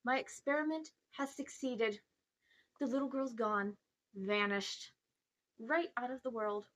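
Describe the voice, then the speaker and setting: A woman's voice: on the high side, a little slow, a bit bright. A grandiose, self-important old uncle from a storybook, acted out by a woman reader. He talks down to his listener with sly evasions, like a man sure he is above ordinary rules. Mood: gleeful.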